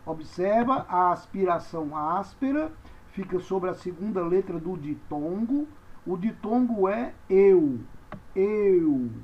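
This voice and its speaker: A Greek teacher lectures a class, patiently spelling out letters and repeating each word. His voice sits high with lively intonation and an unhurried pace, and the recording is dull and lo-fi.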